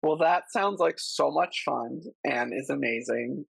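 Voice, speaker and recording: A young woman in graduate school co-hosting a podcast, chatting in a slow, relaxed way. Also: low-pitched, gravelly, slightly rough, dry recording. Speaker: podcast co-host. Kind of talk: casual podcast chat.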